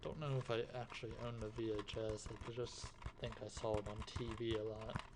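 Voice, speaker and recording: A man talking in a soft-spoken ASMR style, gentle and musing, as he rambles casually with tapping sounds around him. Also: fairly low pitch, flat delivery, moderate pace. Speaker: ASMR video host. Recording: clicking, tapping noise behind voice. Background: finger tapping and clicking sounds.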